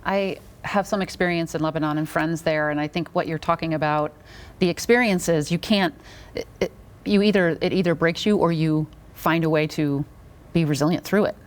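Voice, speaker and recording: A woman with a very low voice hosts an interview. She reflects in a thoughtful, affirming way and encourages her guest with steady murmurs of agreement. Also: moderate pace. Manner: warm, affirming, reflective, frequent mm-hmms. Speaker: interviewer, therapist and teacher. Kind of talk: interview conversation.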